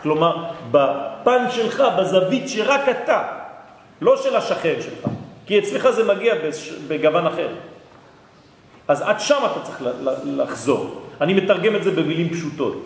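Male Torah teacher, animated lecture delivery, keeps checking in with the class, roomy reverberant hall sound. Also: a little high. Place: hall with an audience. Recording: echoey hall.

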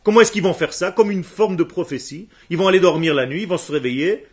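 Slightly rough and sitting high, this man's voice drives an emphatic class as a religious teacher. A native Hebrew speaker, he fires questions at his students and fires back quick answers.

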